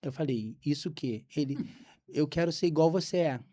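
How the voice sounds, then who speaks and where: A Brazilian man, a podcast guest, telling a faith story with lively acted-out dialogue. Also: on the high side, brisk. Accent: Brazilian Portuguese. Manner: animated storyteller acting out dialogue. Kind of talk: storytelling testimony.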